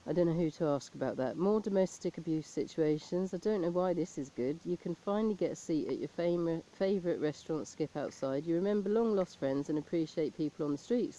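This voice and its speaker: A woman performing a deadpan comic monologue as a stand-up comedian, reeling off lists of jokes in a dry, flat delivery. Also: deep voice, rough recording. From abroad, not England. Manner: deadpan list-making delivery.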